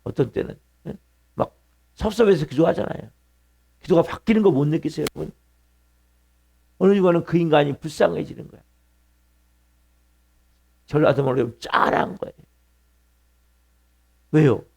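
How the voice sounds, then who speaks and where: Gravelly-voiced pastor preaching a sermon. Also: male voice, a little high, normal speed, pauses often, darkish tone. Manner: preaching with emphatic repetition and questions to the congregation. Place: church sanctuary.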